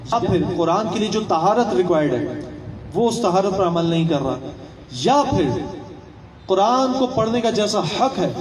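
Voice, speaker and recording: High-voiced preacher in an echoey hall. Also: male voice, darkish tone, far from the mic. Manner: asks rhetorical questions, repeats phrases, mixes in English words. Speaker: religious instructor. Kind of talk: religious training talk.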